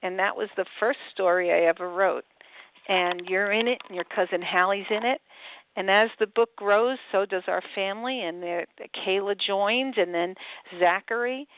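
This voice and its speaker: An older woman, an author and host, reads a picture book aloud with lively pitch swings and then chats warmly about it. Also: normal speed. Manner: animated storybook reading with wide pitch swings. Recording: tinny phone-like line, dry.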